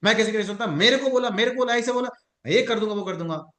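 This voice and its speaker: A man's voice: sits high, racing, fairly bright tone, reverberant. A man acting out an angry, defiant grown man who rants and repeats himself. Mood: angry ranting.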